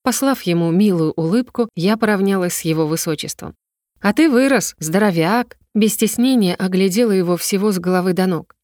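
A woman reading a first-person novel in an even storytelling manner. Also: fairly low pitch, fairly quick, hardly any pauses, no room sound, studio quality. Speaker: audiobook narrator. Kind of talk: scripted first-person narration.

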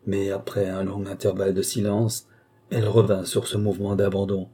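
A man narrates an audiobook in a measured, expressive way. His voice is low, very dark and husky. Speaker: audiobook reader.

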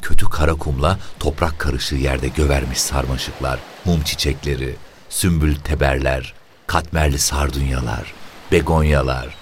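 A man narrating a short story aloud in a lively, expressive reading. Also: rumbling low, slight background noise.

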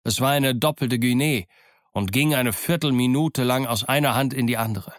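A man reading an adventure novel aloud in calm, measured first-person narration. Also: medium pitch, dry recording, studio quality. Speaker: audiobook narrator.

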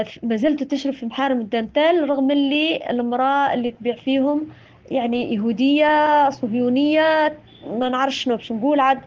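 A woman's voice: high-pitched, lo-fi sound. A woman with a Tunisian accent giving an informal religious talk, impassioned and scolding, often repeating her words. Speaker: religious speaker.

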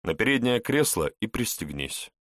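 A man voicing a polite, calm young male security officer in an audiobook. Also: lowish voice, moderate pace, no echo, clean studio sound, voice pushed up. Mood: genial. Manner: courteous, calm, genial.

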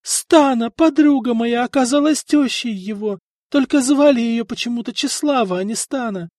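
A worn old peasant widow who mumbles and begs through her sobs, as a man acts her out in a storybook reading. She speaks high and strained in a close, dry sound. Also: animated, moderate pace, a little mellow, no echo. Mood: sobbing, pleading. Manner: mumbling, pleading, sobbing. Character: old widowed peasant woman, frightened then tearful.

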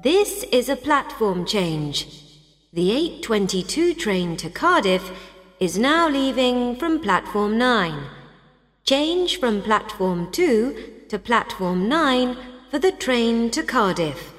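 A woman reading train station announcements slowly and clearly for a language lesson. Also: on the high side, sing-song, long reverb tail.

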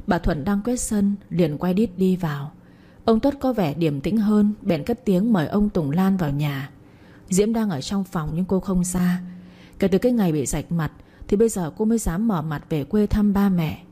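A woman narrating a scripted story in a steady, plain reading voice. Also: on the low side, slightly rough.

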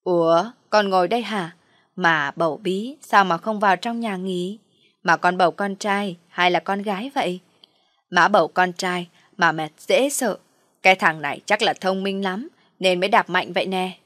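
A woman's voice: on the low side, normal speed, a bit bright, no echo, clean studio sound, lightly acted. Woman voicing a smug taunting concubine. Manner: wheedling, taunting. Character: smug pregnant young concubine, showing off.

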